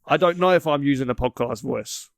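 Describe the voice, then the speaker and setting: A man co-hosting a casual chat podcast, joking and rambling, often trailing off mid-sentence before starting again. He sits close to the mic in a dry, dead-sounding room, his pitch sitting in the middle. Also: fairly quick, no echo. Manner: joking, rambling, self-interrupting. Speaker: podcast co-host.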